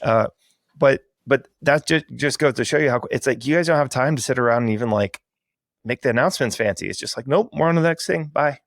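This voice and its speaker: A man's voice: medium pitch, fast, dry recording, clean studio sound. A man hosting an interview podcast, chatting enthusiastically and heaping praise on his guest in a casual, effusive way. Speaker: podcast host.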